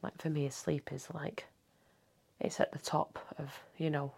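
A woman in her thirties hosting a casual solo podcast at home late at night. She rambles and swears freely, and she often drops into a hushed half-whisper. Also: low voice, flat delivery, a little slow, gravelly, breathy edge. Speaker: podcast host.

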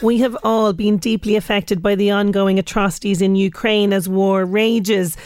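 A woman's voice: medium pitch, flat delivery, moderate pace, over music. A woman with an Irish accent, presenting and interviewing as a radio host. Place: radio studio.

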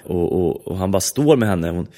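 A man's voice: deep voice, lively intonation, mellow. A man in casual chat, telling long stories with many restarts and filler phrases.

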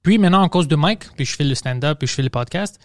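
Un homme qui anime un podcast en conversation détendue, jurant volontiers et glissant des mots anglais dans son français. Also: male voice, a little high, lively intonation, quick pace, no echo, studio quality. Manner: casual, swears freely, mixes English words into his French. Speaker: podcast host. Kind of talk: casual conversation.

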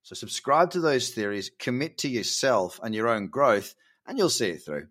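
A man's voice: medium pitch, very animated, normal speed, fairly bright tone. A man, casually running through a market update, chatty and encouraging, and often correcting himself mid-sentence. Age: 30s. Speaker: crypto market vlogger.

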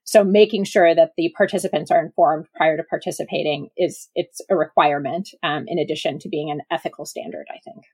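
A woman's voice: low-pitched, fairly even intonation, brisk, hardly any pauses, darkish tone, slightly rough, no echo. A woman, answering interview questions earnestly and carefully as a researcher. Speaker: researcher guest.

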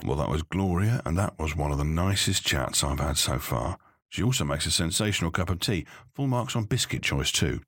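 Deep-voiced man reading a podcast outro. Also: lively intonation, a bit bright, breathy edge, no room sound. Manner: measured, reading from script. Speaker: podcast host. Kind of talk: scripted narration.

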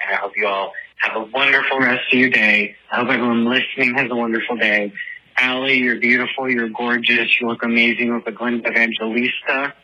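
A man with a mid-range, sharp, breathy voice leaves a casual voice message as a listener calling in to a show. His story comes across as chatty, dramatic and self-deprecating, delivered like a motormouth, and the audio resembles a phone recording.

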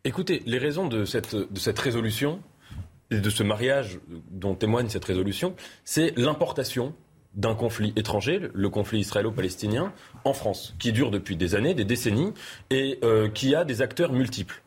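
A man speaking as a guest on a TV debate panel, building measured, essayistic arguments. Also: lowish voice, lively intonation, slightly rough.

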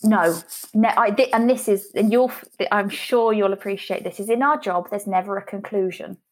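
A woman's voice: medium pitch, moderate pace. A woman in her thirties, a guest talking candidly and chattily about running her own PR business, often restarting her sentences. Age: 30s. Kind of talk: casual interview conversation.

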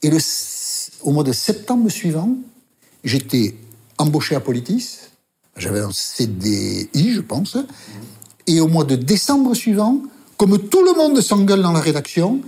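Older man, Basque accent, animated raconteur, slightly high voice, salty casual storyteller. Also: measured pace. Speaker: journalist. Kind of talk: interview storytelling.

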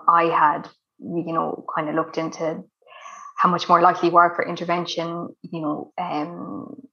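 Woman, west of Ireland accent, lowish voice, chatty and emphatic personal storytelling, slightly muffled recording. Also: a bit bright. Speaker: interview guest.

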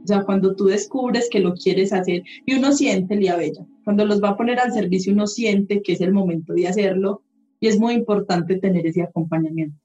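A woman's voice: medium pitch, brisk, dark tone. Lady guest on a podcast, blunt and swears a lot, roomy kinda muffled sound, faint music under. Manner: candid storyteller who swears casually. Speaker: holistic therapist guest. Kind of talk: casual podcast conversation.

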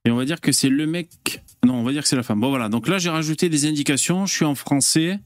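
A man's voice: fairly high pitch, fast, no echo, faint music behind. A man hosting a casual live stream, chatting with viewers in a loose, hesitant way with lots of fillers and curse words. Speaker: host.

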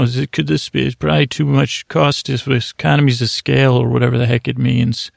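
In a dry recording, a man with a gravelly, medium-pitched voice hosts a sleep podcast. His monologue meanders for falling asleep, filled with self-deprecation, restarts, and asides.

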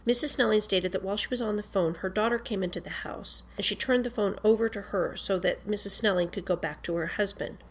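A woman with a medium-pitched voice reads a written police report aloud. Her delivery is formal and procedural. She keeps a measured, matter-of-fact manner throughout. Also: slightly rough.

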